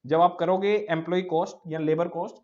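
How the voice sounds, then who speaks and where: A man's voice: high-pitched, fairly even intonation, a little fast, a little mellow, dull audio. A male teacher giving a recorded lecture. He explains step by step, repeating key words and often checking that students follow.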